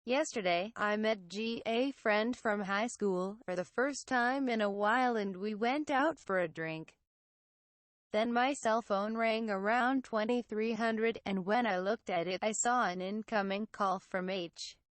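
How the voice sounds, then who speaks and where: A woman's voice: mid-range voice, a little slow, dry recording, natural voice. A woman reading as a frightened young man. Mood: uneasy.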